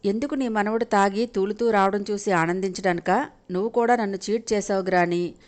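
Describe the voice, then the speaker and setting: A woman's voice: medium pitch, fairly even intonation, brisk, darkish tone, lightly acted. Woman doing a drunk young guy, teary and slurry, begging his grandma, audio story. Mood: drunk, tearful. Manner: slurred, tearful pleading.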